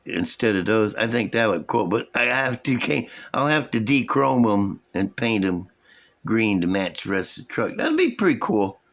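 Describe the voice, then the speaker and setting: A man with a slow, folksy drawl, casually showing and explaining his hobby projects to viewers. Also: lowish voice, fairly bright tone. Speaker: hobby model-building vlogger. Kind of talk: casual show-and-tell commentary.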